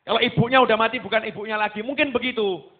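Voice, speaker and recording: High-voiced Javanese preacher on a tinny line. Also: male voice, fast. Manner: animated, mixing Javanese into his talk, acting out quoted voices. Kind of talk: sermon. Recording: tinny phone-like sound.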